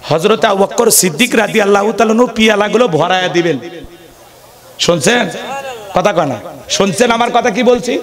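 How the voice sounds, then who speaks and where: A man's voice: high-pitched, normal speed. A man preaching a waz sermon, joking with the crowd, acting out little scenes and calling for replies.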